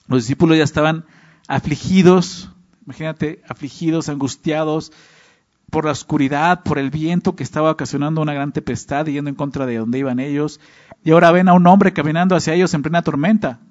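A man's voice: medium pitch, darkish tone. A man preaching a Bible-teaching sermon in a conversational way, often checking in with his listeners through short tag questions. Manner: conversational, constantly checks in with "¿no?" and "¿verdad?". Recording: dull lo-fi recording.

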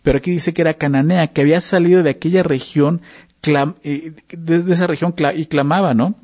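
A man's voice: on the high side, fairly even intonation, a little fast, a little mellow. A man teaching a Bible study in a conversational way, often asking listeners to follow along in the text. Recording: dull lo-fi recording.

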